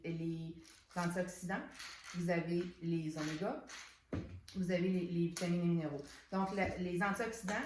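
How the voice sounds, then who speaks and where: A chatty woman with a Québécois accent walks through products in a relaxed unboxing chat, stumbling over words and leaning on "donc". Her voice sits a bit low for a woman. It rings in an echoey room. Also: a little hiss or hum. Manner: chatty, many restarts and "donc" fillers. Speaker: soap shop owner presenting products.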